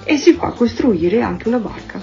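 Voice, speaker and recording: A woman radio host reading a children's storybook aloud in a calm, even voice. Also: a little high, moderate pace, creaky, faint music behind. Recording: dull lo-fi radio sound.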